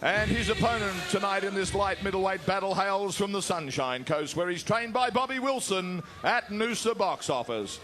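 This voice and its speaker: A man's voice: high voice, lively intonation, normal speed, hardly any pauses, music in the background. A man working as a boxing ring announcer, projecting and stretching out names. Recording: faint background noise, live event ambience.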